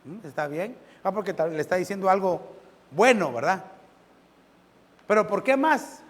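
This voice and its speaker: A pastor preaching a sermon. He keeps asking the congregation questions and swings between loud and soft. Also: high voice, animated, normal speed, big-room sound.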